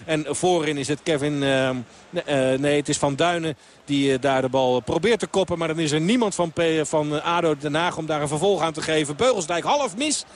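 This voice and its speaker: A man's voice: fairly high pitch, brisk, slight background noise. A man giving live play-by-play football commentary on the radio, talking on steadily with filler sounds. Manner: fluent running play-by-play with fillers.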